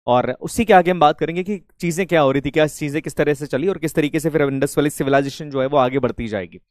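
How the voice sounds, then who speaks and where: Energetic male online tutor, dry sound. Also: a little high, fast, no echo. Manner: hybrid Hindi-English, chanting patriotic greetings, repeatedly checking audio. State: slightly unwell voice. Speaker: teacher. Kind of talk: live online class.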